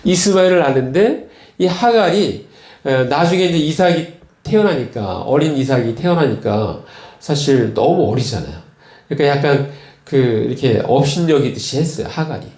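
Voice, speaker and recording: A male pastor preaching a sermon, retelling stories slowly with frequent fillers and repeated words. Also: mid-range voice, animated, a little mellow, echoey room. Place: church.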